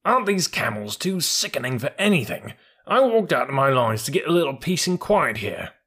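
A man voicing a gruff, bossy old male army mule in a storybook, scolding in a brisk way. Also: a little high, big pitch swings, fairly bright tone, voice pushed up, heavily acted.

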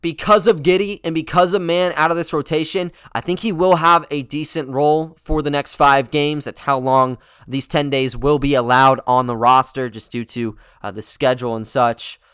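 A man's voice: fairly high pitch, fairly even intonation, moderate pace, few pauses, fairly bright tone, clear, resonant tone, no echo, clean studio sound. A man hosting a sports podcast, giving casual, conversational basketball commentary. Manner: conversational, informal.

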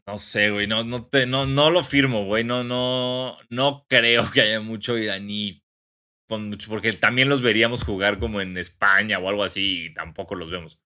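A young man with a Mexican accent trades casual podcast talk, relaxed and full of slang. His tone is bright and his pitch sits a little low as he teases his co-host. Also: moderate pace. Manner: laid-back, slangy, teasing. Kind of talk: casual chat.

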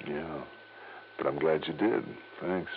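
An actor playing a hard-boiled, wry investigator in vintage radio drama, with clipped slangy delivery. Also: male voice, very deep voice, slow, slight background noise, heavily acted. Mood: relieved. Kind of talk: 1950s-60s radio drama acting and narration. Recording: vintage radio broadcast, muffled narrow band, music.

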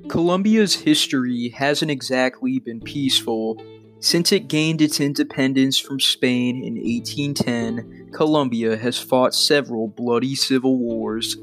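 A man hosting a history podcast, reading a scripted narration in a measured, earnest way. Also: mid-range voice, a bit bright, soft background music. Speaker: podcast host.

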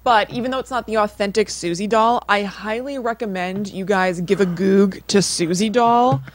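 With a mid-range voice at a moderate pace, a female podcast co-host spins casual, chatty stories heavy on "like." A little hiss or hum runs under the recording.

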